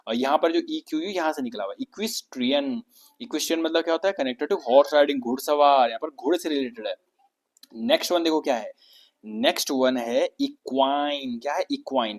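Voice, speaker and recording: Man teaching vocabulary, quizzing himself. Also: mid-range voice. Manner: asks questions and answers them himself; spells words out letter by letter. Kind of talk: exam-prep vocabulary lesson.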